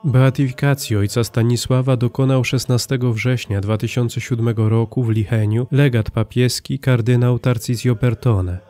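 A man with a dark, mellow voice reads a scripted life of a saint. His delivery is even and solemn, unhurried and steady. He ends by reciting a prayer in the same calm tone. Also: mid-range voice. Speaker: narrator.

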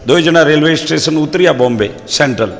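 A comedian with a Rajasthani accent tells folksy comic stories in a fairly high male voice. He quotes proverbs and voices his characters. A long hall reverb hangs on his words. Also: lively intonation, a little fast, vocal fry.

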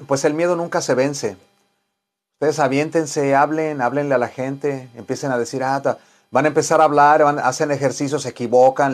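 A man with a Mexican Spanish accent teaching an English lesson, rambling and encouraging, slowing down to model example sentences. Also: mid-range voice.

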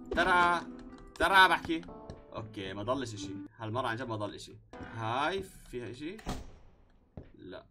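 A man playing a horror game on his channel, swinging from calm muttering to panicked yelling. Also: medium pitch. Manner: frantic, shouting in panic, then muttering calmly while sorting. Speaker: gaming YouTuber. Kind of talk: horror game let's play commentary.

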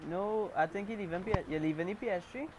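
A man's voice: high-pitched, quick pace. A man bantering with friends in a gaming voice chat. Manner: laughing, joshing, calls friends dog. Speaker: gamer in party chat. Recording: voice chat with loud background noise.

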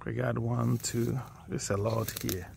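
A Ghanaian farmer walks through his farm, slowly and plainly pointing out the crops as he gives a casual tour. His voice is medium-pitched, fairly flat and creaky, captured outdoors on a phone he holds while walking, with plenty of background noise.

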